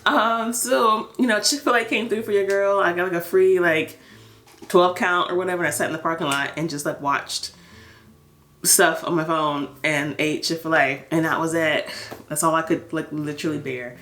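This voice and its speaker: This thirty-year-old American woman recounts her story in a candid personal vlog, keeping the chat casual with emphatic, conversational phrasing. She speaks at normal speed in a low, somewhat bright voice with a steady tone.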